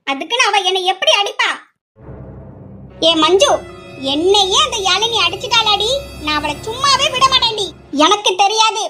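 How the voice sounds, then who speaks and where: A woman's voice: very high voice, pushed and bright. A woman voicing an angry, hot-tempered young daughter complaining indignantly, in an audio drama. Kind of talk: amateur audio drama acting.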